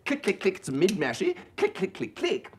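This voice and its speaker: An actor playing a cheerful, breezy young upper-class English gentleman. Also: high voice, a little fast, a little hiss or hum. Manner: chirpy, breezy and excitable.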